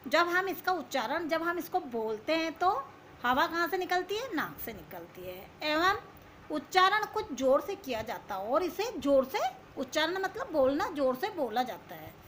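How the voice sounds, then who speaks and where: A woman's voice: high-pitched, fairly bright tone, a little hiss or hum. A woman teacher giving a grammar lesson to young children, asking questions and answering them herself.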